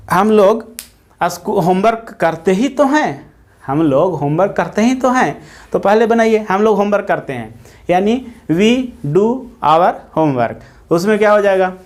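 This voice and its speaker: A man teaches a grammar lesson. He talks at a slow, unhurried pace and repeats each example several times. He keeps checking in with his students as he goes. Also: sits high. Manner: slow, repetitive explaining with many "theek hai" checks.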